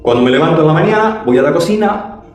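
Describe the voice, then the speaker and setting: A man's voice: lively intonation, faint music behind. Echoey, dramatic storyteller man. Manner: dramatic, swooping pitch with slow drawn-out phrases. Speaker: spiritual storyteller. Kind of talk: personal testimony. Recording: very echoey room.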